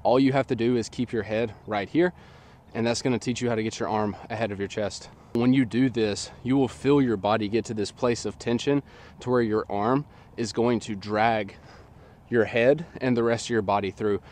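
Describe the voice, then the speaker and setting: The young man, slightly nasal from a sinus infection, speaks at medium pitch and normal speed while casually teaching disc golf technique outdoors. A camera on a tripod records from a distance in the open field, picking up slight background noise.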